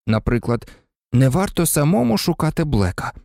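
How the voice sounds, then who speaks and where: A man voicing a blunt teenage schoolboy who is quick to take offence. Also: a little high, sing-song, gravelly, a little mellow, dry recording, clean studio sound. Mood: indignant. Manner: blunt, indignant.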